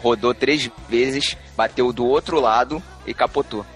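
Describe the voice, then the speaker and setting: A man, a podcast co-host, telling a story in casual chat, animated, laughing often and repeating himself. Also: mid-range voice, a little slow, faint music behind.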